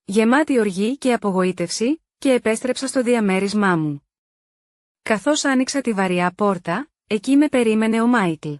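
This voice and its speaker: A woman narrating a first-person drama story in an even, steady read. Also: fairly high pitch, no echo, clean studio sound.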